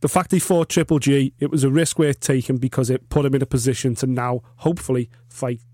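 A man's voice: medium pitch, steady tone, a little fast, mellow, no echo, studio quality. A British man co-hosting a boxing podcast, giving opinions in a matey, sweary, casual chat.

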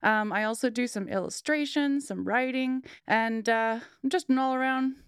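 A woman's voice: on the high side, normal speed, smooth, no room sound, studio quality. A woman who is a podcaster, cheerfully introducing herself as a player. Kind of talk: casual chat.

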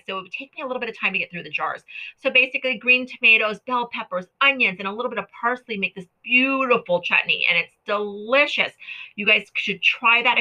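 A woman home cook talking casually and warmly to her viewers about canning, chatty and enthusiastic, often correcting herself mid-sentence. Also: mid-range voice, highs cut off. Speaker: home cooking and canning vlogger. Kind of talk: casual talk to camera.

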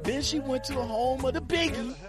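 A man hosting a casual podcast interview, hyping up his guest with excited, repetitive phrasing. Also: very high-pitched, fairly quick, over music. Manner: animated, repetitive hype-man delivery. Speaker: podcast host.

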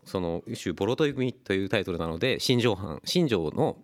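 A man's voice: sits low, expressive, normal speed. A man speaking as a guest book editor in a casual radio interview.

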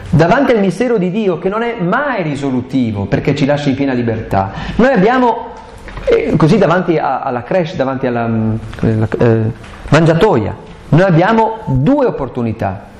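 A man's voice: a little high, big pitch swings, normal speed, darkish tone. A man giving a live catechesis talk on a Bible passage, impassioned and colloquial, firing off rhetorical questions. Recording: echoey live room recording, faint background hiss.

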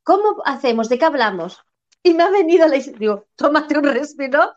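A woman's voice: high voice, animated, fairly quick. Earnest woman from Spain, lo-fi. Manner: earnest, reflective, repeats phrases for emphasis. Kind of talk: spiritual conversation. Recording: dull lo-fi sound.

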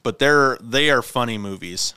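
A man's voice: mid-range voice, normal speed, pushed and bright. A man in his forties from Montana, hosting a casual podcast chat about movies in an easygoing, rambling way. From Montana, USA. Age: 40s. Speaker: podcast host.

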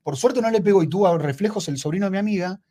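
A man's voice: high voice, quick pace, warm tone. A man co-hosting a casual podcast chat, repeating himself and calling his friend "amigo". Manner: chatty, repeats himself, says "amigo" often. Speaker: podcast co-host.

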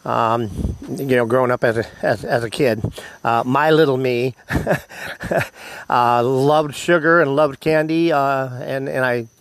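An American man hosting a solo podcast, speaking haltingly with many ums and whistling slightly on his words because of missing teeth. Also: medium pitch, a little hiss or hum. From United States. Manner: halting, filled with ums and pauses. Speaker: podcast host. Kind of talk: solo podcast announcements to listeners.

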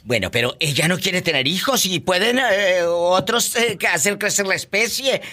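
A middle-aged woman with a Mexican accent hosts a call-in radio show, speaking to callers with affectionate teasing. Her bright, crisp voice has lively intonation, rising and falling freely as she reacts, at a normal speed.

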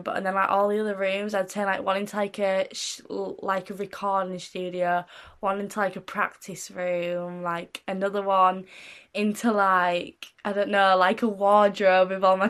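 A woman's voice: medium pitch, little pitch movement, moderate pace, smooth. A sixteen-year-old girl from Britain, a young singer answering interview questions in a casual, giggly, rambling way with lots of fillers. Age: teens.

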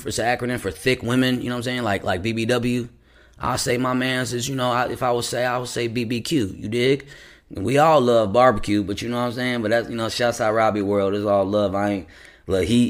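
A man hosting a podcast in a loose, rambling style, full of slang and restarts as he gives shout-outs. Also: on the low side. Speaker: podcast host. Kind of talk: casual podcast chat.

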